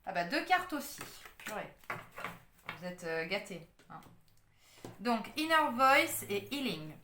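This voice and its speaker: A woman's voice: medium pitch, sing-song, slow, background noise. Hesitant woman reading tarot in echoey room. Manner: hesitant, many fillers and restarts. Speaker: tarot card reader. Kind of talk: casual astrology card reading.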